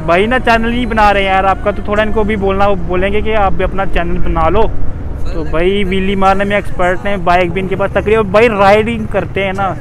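A man's voice: high voice, fairly even intonation, a little fast, noisy background. Chatty young man vlogging from a motorbike. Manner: chatty, keeps saying "bhai" to viewers. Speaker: motovlogger. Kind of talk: casual motovlog commentary. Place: outdoors, riding a motorcycle on a highway. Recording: music over the sound.

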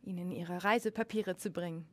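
A woman's voice: on the low side, steady tone, brisk, lightly acted. An actress playing an undercover female spy, speaking politely and with guarded composure.

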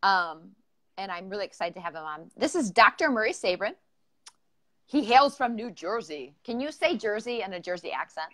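A woman's voice: mid-range voice, lively intonation, normal speed, a bit bright. Chatty, enthusiastic woman podcast host. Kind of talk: casual live-streamed interview.

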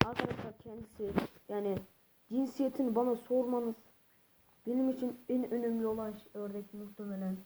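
A woman's voice: a little high, fairly even intonation, a little fast, warm tone, low-quality recording. A woman vlogging casually while handling ducks, rambling, calling her viewers friends and correcting herself. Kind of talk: casual vlog talk to viewers.

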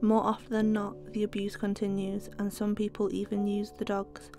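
Flat-toned young woman narrating. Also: medium pitch, normal speed. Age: young adult. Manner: steady, even read-aloud delivery. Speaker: documentary narrator. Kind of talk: scripted voice-over narration. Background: guitar music.

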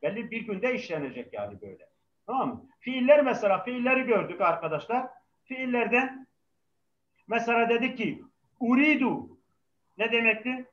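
A man's voice: extremely high pitch, big pitch swings, normal speed, fairly bright tone. A male language teacher patiently drilling his class, his voice carrying a heavy echo from the microphone. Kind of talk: live class lesson with student call-and-response. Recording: echoing, dull microphone sound.

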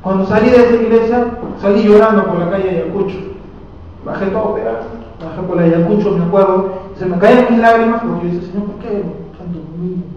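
A young man in his late twenties with a Peruvian accent, preaching a sermon and telling emotional stories, often swelling loud on key phrases. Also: sits high, fairly even intonation, quick pace, a little hiss or hum. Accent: Peruvian Spanish. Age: late 20s. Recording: echoey hall recorded from far off, dull.

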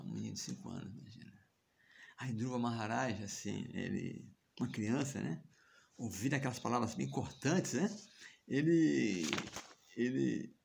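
Brazilian guy telling a holy story, chatty, keeps checking in w listeners, gravelly voice. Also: mid-range voice, darkish tone, slight background noise. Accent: Brazilian Portuguese. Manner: chatty, frequent tag questions and chuckles. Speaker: devotional teacher. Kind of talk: casual storytelling of scripture.

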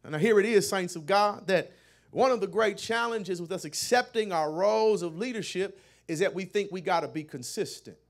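High-voiced pastor preaching with rising shouts. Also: male voice, normal speed. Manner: call-and-response preaching that swells to shouted peaks; repeats words and restarts. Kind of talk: sermon.

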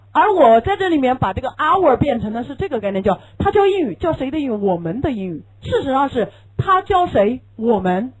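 A woman's voice: high voice, darkish tone, low-quality recording. A woman whose first language is Chinese teaches an English lesson, explaining patiently, asking rhetorical questions and repeating key phrases. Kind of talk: classroom lecture.

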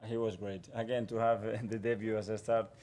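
A man in his forties, a football manager answering questions at a press conference in a measured, guarded way. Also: lowish voice, flat delivery, mellow. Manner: measured, guarded, repeats phrases. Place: press conference room in front of a sponsor backdrop. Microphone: table microphone.

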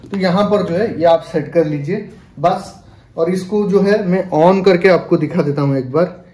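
Recording in a small bedroom with a roomy echo, this young product review vlogger demonstrates an item on camera in a relaxed, repetitive way, mixing in English words. He speaks at a moderate pace with a high, warm voice.

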